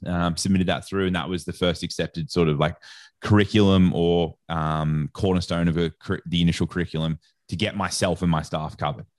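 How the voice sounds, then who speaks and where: A low-voiced Australian man, a sports nutrition educator, tells a story casually as an interview guest, in slangy, informal speech packed with reported dialogue. The studio sound is clean with no echo.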